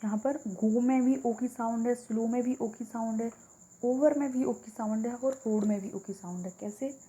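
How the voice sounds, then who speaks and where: A woman teaching an exam-prep lesson, explaining step by step, repeating key words and reading English examples slowly. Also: fairly high pitch, steady tone, dark tone, low-quality recording.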